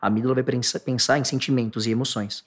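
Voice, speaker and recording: A Brazilian man talks as a guest, explaining stress and anxiety in a husky, slightly breathy voice at an ordinary pitch. He bursts into loud acted-out rants, then sinks into a quiet, low register for his calm points. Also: fast. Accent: Brazilian Portuguese. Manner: animated, acts out angry outbursts in sharp bursts.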